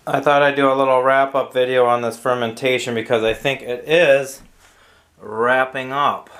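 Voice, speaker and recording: The host of a relaxed homebrewing vlog, recorded on a porch, has a mid-range voice with a fairly bright tone. He rambles and muses aloud, filling his speech with fillers.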